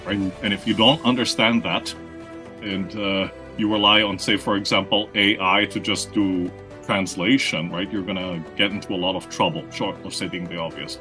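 Born in Austria and raised in the Philippines, a marketing consultant answers interview questions as a guest in a conversational, explanatory way, full of restarts and "right?" tags. His voice sits low with fairly even intonation, moving at a moderate pace over music.

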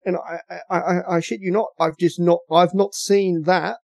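A man's voice: sits high, level tone, normal speed, gravelly, dry recording. An Australian man, a podcast contributor, giving blunt, rambling football analysis in casual chat, often repeating words.

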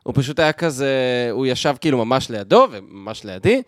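A man's voice: medium pitch, dry recording, studio quality. A man co-hosting a podcast in casual chat, telling stories with animation and acting out the people in them. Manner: animated storyteller who acts out the people in his stories. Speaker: podcast co-host.

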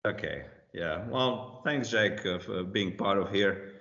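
A man's voice: deep voice, expressive, slow pace, a bit bright. A man in his forties, born in Slovakia, speaking as a guest in a casual interview with many fillers and restarts. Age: 40s. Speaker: compliance consultant, guest. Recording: muffled, roomy remote audio.

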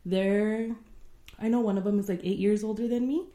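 Mellow woman in her thirties, roomy echo. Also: medium pitch, normal speed. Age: 30s. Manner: relaxed, many fillers like "like" and "dude". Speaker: podcast co-host. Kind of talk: casual chat.

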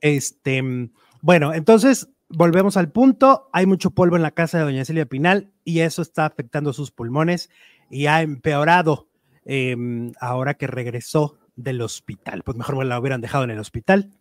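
A man's voice: on the high side, moderate pace, no room sound, studio quality. A man chatting casually about celebrity gossip, talkative and opinionated, with many fillers. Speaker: entertainment news commentator.

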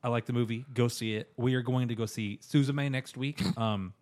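A man's voice: mid-range voice, steady tone, normal speed, darkish tone. A young man hosting a casual podcast chat, rambling with lots of fillers and frequent laughs. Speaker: podcast host.

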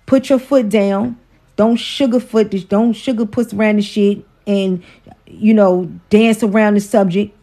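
A woman's voice: mid-range voice, steady tone, unhurried, warm tone. Woman, 40s, mid voice, outspoken and profane livestream host. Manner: outspoken, profane, preachy, teasing. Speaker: host, wife. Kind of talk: casual livestream relationship talk.

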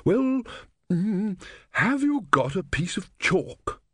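A man voicing an absent-minded old male philosopher who talks in a vague, excitable way. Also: slow, breathy edge, no room sound, studio quality, exaggerated voice. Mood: dotty. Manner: vague, excitable, high and wavering.

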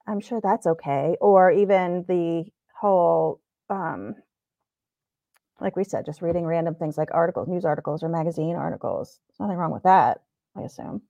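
A woman's voice: on the low side, vocal fry, warm tone, no echo. A woman co-hosting a podcast, chatting casually and laughing often as she rambles through her ideas. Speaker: podcast co-host. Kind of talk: casual chat.

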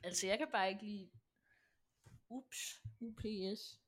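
A young woman co-hosting a podcast, chatting in an informal, giggly way. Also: medium pitch. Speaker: podcast co-host. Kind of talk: casual chat.

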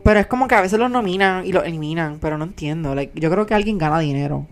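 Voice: mid-range voice, fast talker. A sleepy young adult chatting casually in Spanglish, slipping English words into Spanish. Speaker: podcast co-host. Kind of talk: casual chat.

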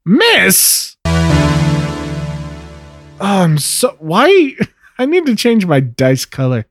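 A man narrating a solo tabletop game as game master, thinking aloud in a relaxed way. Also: high voice, measured pace, soft background music.

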